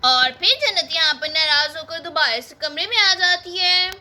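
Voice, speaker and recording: Woman narrator for a doll-play channel, high bright voice, plain storybook asides. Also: normal speed, a little hiss or hum.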